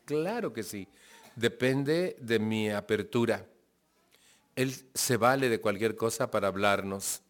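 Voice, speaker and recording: A man's voice: fairly low pitch, slow pace. A man with a Mexican accent giving a conversational personal testimony to a recovery group, laughing often and checking in with his listeners. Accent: Mexican Spanish.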